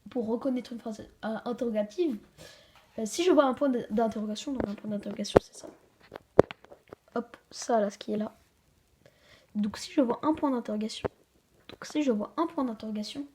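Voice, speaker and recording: A woman hosting a home-made grammar lesson, hesitant, with many fillers and restarts, slowing down to stress example sentences. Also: a little high, darkish tone. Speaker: channel host teaching a French grammar lesson. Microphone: camera she handles herself.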